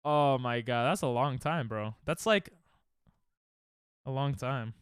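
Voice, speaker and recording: Slow and medium-pitched with a clean tone, a man streams a game while casually exchanging sarcastic jokes with his viewers. The recording is dry with clean studio sound.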